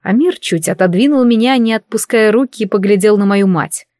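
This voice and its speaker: A woman's voice: mid-range voice, a little fast, darkish tone, dry recording. Woman narrating a fantasy audiobook, dry.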